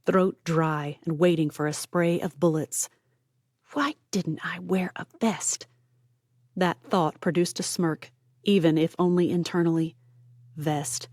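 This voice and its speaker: A woman's voice: low-pitched, a little mellow, no room sound, studio quality. A woman narrating an audiobook, voicing each character and dropping to a whisper for tense lines.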